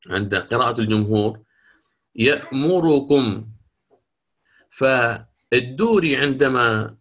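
A male teacher giving a recorded lecture on recitation. His pitch sits in an ordinary middle register. He explains a rule, asks the class a question and answers it himself, then stretches each example word out slowly. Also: a bit bright. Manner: explains rules then models words in slow drawn-out recitation. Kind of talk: recorded lecture on Quranic readings.

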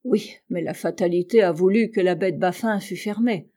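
A woman's voice: mid-range voice, normal speed, warm tone, lightly acted. A woman reading the lines of a patient, learned male ship's doctor in an audiobook. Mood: calm, reassuring. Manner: patient and reasoning.

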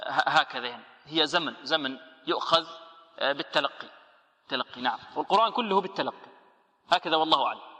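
A man teaching tajweed, posing rhetorical questions and answering them himself, and slowing into chanted recitation for examples. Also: a little high, sharp tone, in a large hall. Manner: explains by asking rhetorical questions, then answering.

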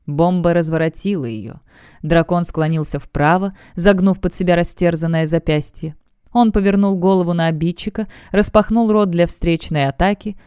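A woman narrating a fantasy novel as an audiobook in an even storytelling delivery. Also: lowish voice, normal speed, clean tone, no echo, studio quality. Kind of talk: scripted narration.

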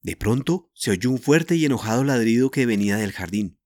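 A man narrating an audiobook in a measured, even reading. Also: medium pitch, dry recording. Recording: dry close studio voice.

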